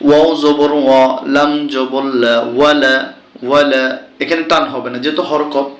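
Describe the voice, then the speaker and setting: A man teaching a Quran reading lesson, spelling out each word and then reciting it slowly in a chanting tone, with quick explanations in between. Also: on the high side, steady tone. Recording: echoey room.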